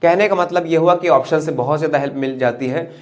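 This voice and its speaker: A man teaching an exam-prep English lesson in Hindi, reading English phrases aloud slowly and asking "right?" to check in. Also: a little high. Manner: asks "right?" to check understanding.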